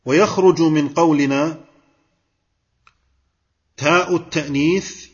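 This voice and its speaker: Male grammar teacher, husky voice, step-by-step classroom explaining, muffled recording. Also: a little high, steady tone, slow. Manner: explains step by step, quizzes and praises students.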